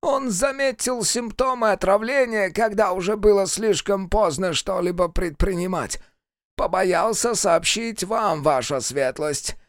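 A man voicing a hoarse, sly ambassador. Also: high-pitched, measured pace, dry recording, studio quality, pitched above the performer's own voice. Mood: insinuating. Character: cunning male foreign ambassador, pinned and choking.

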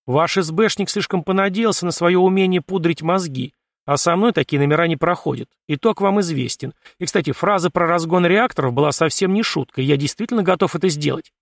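A man's voice: fairly high pitch, fairly quick, no room sound, studio quality, pitched above the performer's own voice, natural voice. A man voicing a blunt, brash young male ship captain in an audiobook, with curt, scornful, commanding speech. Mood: defiant.

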